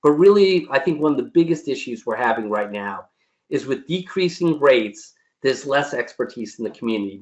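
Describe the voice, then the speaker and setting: A man's voice: mid-range voice, muffled recording. A man, a physician, giving a webinar presentation in an earnest, encouraging way, often restarting and repeating himself. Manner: earnest, repetitive, frequent restarts; pleading and encouraging.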